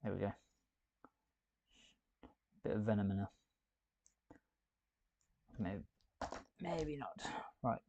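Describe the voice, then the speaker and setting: A man's voice: mid-range voice, gravelly, dark tone. A man hosting a live building stream, chatting and thinking aloud as he works. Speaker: host.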